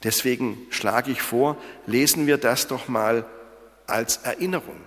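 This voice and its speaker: A man's voice: medium pitch, measured pace, fairly bright tone. A man preaching a sermon on a Bible verse, talking in a conversational way and asking his listeners questions. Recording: long hall reverb.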